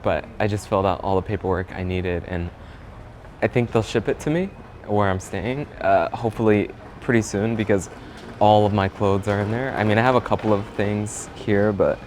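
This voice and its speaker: Male travel vlogger, easygoing and rambling, fairly low voice, recorded on a handheld camera mic. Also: steady tone, moderate pace, a little mellow, slight background noise. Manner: chatty, easygoing, rambling with fillers. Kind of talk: casual travel vlog talk to camera. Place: airports, planes and a shuttle bus. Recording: background music under the voice. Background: music.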